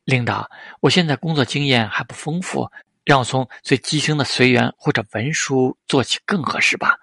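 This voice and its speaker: A man's voice: mid-range voice, moderate pace, gravelly, pushed and bright, slightly rough, no echo, studio quality, full character voice. A man voicing a young male doctoral student who speaks in a polite, deferential, cautious way.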